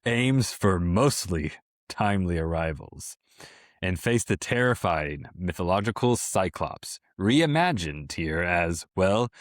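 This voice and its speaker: A man doing a deadpan newscaster ad read. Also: low voice, no room sound, studio quality. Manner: deadpan, mock-grand. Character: deadpan male newscaster reading a spoof ad. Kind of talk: mock commercial read.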